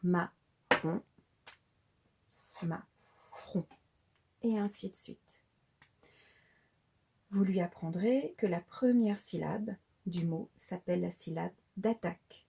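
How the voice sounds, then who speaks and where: Lady teacher explaining slowly to parents, gravelly lowish voice. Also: warm tone, slight background noise. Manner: slow and deliberate, spelling out syllables. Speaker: preschool teacher. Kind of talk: slow instructional explanation for parents.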